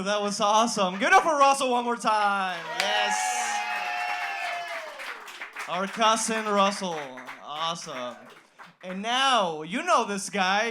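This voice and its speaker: Comedy show host, man, upbeat announcements, high voice, noisy room. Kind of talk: introducing comedians.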